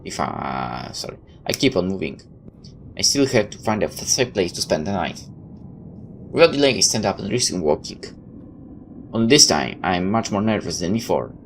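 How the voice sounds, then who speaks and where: A let's player reads a visual novel aloud like a dramatic storyteller, throwing in his own asides. His low voice is sing-song at a moderate pace, and the recording has clear background noise.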